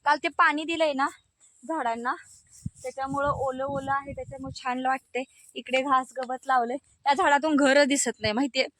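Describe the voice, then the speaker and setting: A woman's voice: sits high, steady tone, brisk, a bit bright. A cheerful young woman chatting casually for her vlog outdoors under a mango tree, filming on a phone. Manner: cheerful, chatty, laughs often. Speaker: vlogger. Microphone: phone camera.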